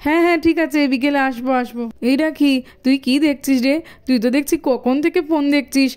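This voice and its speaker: A woman's voice: sits high, fast, darkish tone, lightly acted. A woman voicing grumbling young village boys in a doll cartoon. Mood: casual. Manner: whiny, grumbling.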